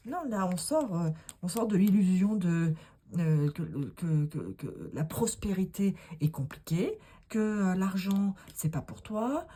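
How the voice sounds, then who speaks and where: A woman's voice: fairly low pitch, expressive, a little slow, warm tone, breathy edge. A woman doing a casual tarot card reading, talking straight to the viewer in an encouraging, rambling way. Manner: rambling, with many fillers and asides.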